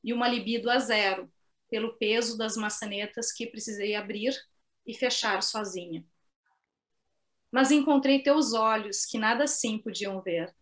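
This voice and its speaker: A middle-aged woman from southern Brazil, a poet chatting at her online book launch and reading her poems, often tagging her sentences with little questions. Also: mid-range voice. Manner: chatty, sprinkles tag questions, reads poems slowly. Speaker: poet and author. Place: home office on a video call.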